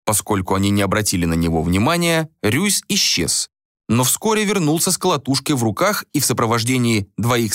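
Man narrating an audiobook, lively pitch. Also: no room sound, clean studio sound. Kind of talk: scripted narration.

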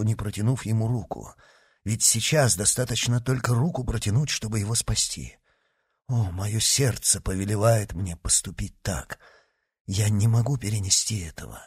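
A man voicing a dignified older nobleman who speaks softly and earnestly. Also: fairly low pitch, breathy edge. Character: noble older count, gentle and merciful.

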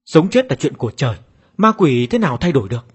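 A man's voice: a little high, big pitch swings, fast, breathy edge, full character voice. A man voicing a blunt older brother who mocks his sister's fears in a horror story. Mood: mocking. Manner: mocking, blunt. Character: gruff dismissive older brother.

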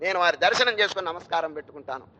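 A woman's voice: fairly low pitch, expressive, very fast, sharp tone, lo-fi sound. A male preacher voicing an eager village woman who politely coaxes and pleads. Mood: pleading. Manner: politely coaxing.

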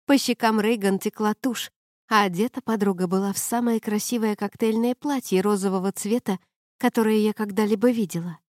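Woman, audiobook narrator, steady even reading, dry close mic. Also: mid-range voice, a little fast, dry recording. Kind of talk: first-person novel narration.

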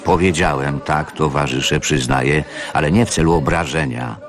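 A man's voice: a bass voice, normal speed. An actor reading an indignant, aggrieved middle-aged male factory worker in a radio story. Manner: indignant, pleading.

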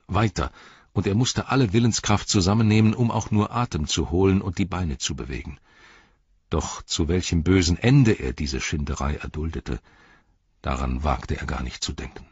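A man narrating an audiobook in a measured, dramatic storytelling manner. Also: deep voice, husky, dry recording, highs cut off. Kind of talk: scripted narration.

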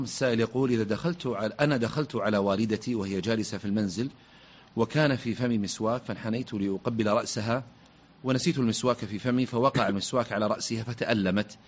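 A man presenting a radio show in a brisk, formal manner, reading out listeners' questions, on a dull lo-fi recording. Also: lowish voice, slight background noise.

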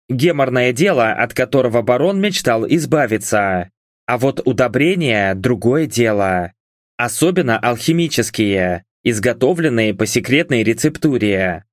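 A man narrating an audiobook in a measured, even manner. His voice sits at a mid pitch. The recording is dry and close to the mic. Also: dry recording. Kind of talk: scripted narration.

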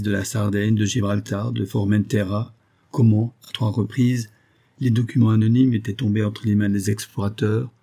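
A man reads a classic novel as an audiobook, narrating in a measured storytelling style with a mellow, fairly low voice.

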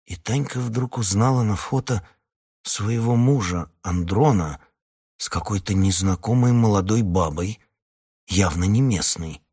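Husky low-voiced male audiobook narrator. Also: unhurried, warm tone.

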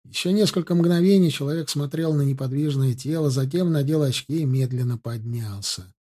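Husky-voiced male audiobook narrator. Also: a little high. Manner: measured, dark storytelling. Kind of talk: scripted narration.

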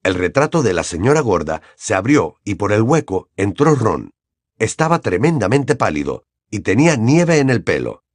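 Guy reading an audiobook, very animated pitch, dry close mic. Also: moderate pace, no room sound. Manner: expressive storytelling. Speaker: audiobook narrator. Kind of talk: scripted narration.

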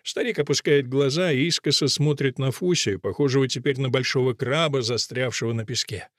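A man reading the narration of an audiobook in a measured, even way. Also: mid-range voice, no room sound, studio quality. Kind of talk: scripted narration.

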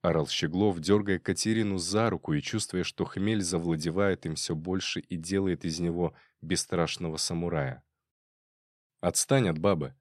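A man narrating a crime story in a measured, dramatic reading. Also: deep voice, fairly even intonation, no echo, studio quality. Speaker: audiobook narrator.

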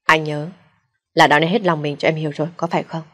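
A woman voicing a young husband who speaks calmly and placatingly, in a low, husky voice. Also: fast talker. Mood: weary. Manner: placating, calm. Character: young husband, weary peacemaker.

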